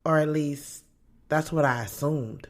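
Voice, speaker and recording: In a reflective mood, the American actress speaks slowly in a low-pitched voice, playing a sarcastic, blunt young writer narrating her romantic life. It's scripted first-person audio drama narration, slangy and conversational, with music running beneath.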